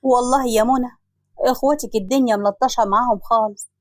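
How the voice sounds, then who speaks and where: A woman's voice: a little high, fairly even intonation, quick pace, no room sound, close to an everyday voice. A woman with an Egyptian Arabic accent voicing an older mother who speaks in a soothing, resigned way.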